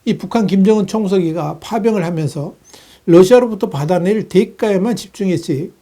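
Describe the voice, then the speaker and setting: A man delivering a steady, measured news analysis, reading reports with the occasional filler. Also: high voice. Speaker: news commentator.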